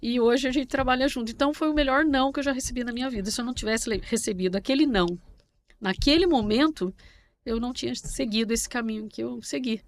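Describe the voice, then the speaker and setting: A middle-aged woman from Brazil, a podcast guest, telling her story in a lively, warm way. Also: on the high side, fast. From Brazil, São Paulo state. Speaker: guest, banking correspondent. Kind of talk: casual interview chat.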